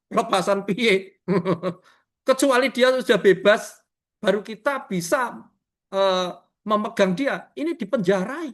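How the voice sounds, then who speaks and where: A man's voice: high-pitched, fairly bright tone. A man preaching a sermon over a video call, emotional and chatty, laughing often and constantly addressing his listeners. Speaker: pastor. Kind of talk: sermon with personal testimony. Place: online meeting.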